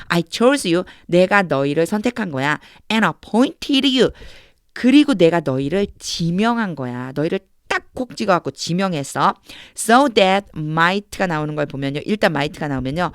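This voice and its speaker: A woman English teacher giving a Bible reading lesson. She reads the verses slowly in short chunks and explains them in a patient, plain tone. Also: on the low side, no room sound, clean studio sound.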